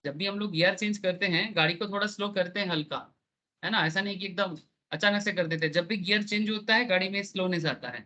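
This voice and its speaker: A man teaching a live online class. His voice sits high and sounds bright and forward. He keeps checking that the students follow and leans on homely analogies.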